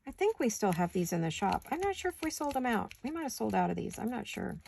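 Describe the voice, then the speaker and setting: A woman's voice: a little high, very animated, fast talker, gravelly, darkish tone, slight background noise. A woman hosting a crafting video, chatting casually and talking to herself as she works. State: hiccups. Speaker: crafting channel host. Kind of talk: casual crafting chat while working.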